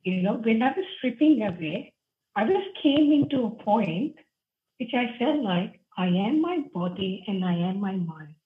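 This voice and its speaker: A woman's voice: mid-range voice, lively intonation, measured pace. Young sri lankan woman coach on a video call, earnest, says mm a lot, muffled laptop audio. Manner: earnest, frequent affirming murmurs. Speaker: guest, life coach. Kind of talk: casual video-call interview.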